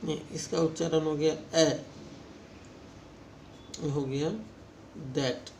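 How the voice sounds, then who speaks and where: A man's voice: fairly high pitch, flat delivery, slow pace, gravelly, a little mellow. A man teaching shorthand vowels in a casual lesson, repeating each sound several times and addressing viewers as friends. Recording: echoey room with faint ambient noise.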